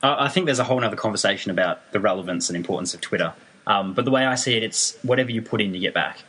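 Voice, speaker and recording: A man's voice: lowish voice, racing, pushed and bright, breathy edge. A young man with an Australian accent in a casual chat, laid-back and blunt. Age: young adult. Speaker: podcast co-host.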